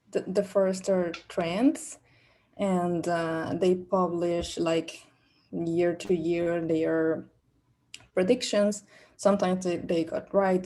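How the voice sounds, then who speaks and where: In a practice interview for a job, a young adult woman from Peru replies in English, her second language, carrying a Spanish accent. She sounds hesitant, often restarting phrases and leaning on "uh" and "um," in a slightly low, flat voice with a mellow, darker tone.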